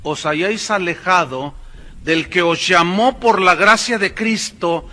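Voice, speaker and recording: Pastor preaching, high sharp voice, emphatic, sarcastic asides to the church. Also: male voice, slow. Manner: emphatic, addresses congregation directly, sarcastic asides. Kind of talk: preaching a sermon.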